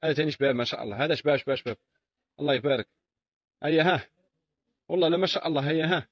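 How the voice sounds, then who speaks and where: A man with an Algerian Arabic accent working as a shop salesman, pitching products in a repetitive, insistent patter full of exclamations. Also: rapid-fire. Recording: dull lo-fi recording.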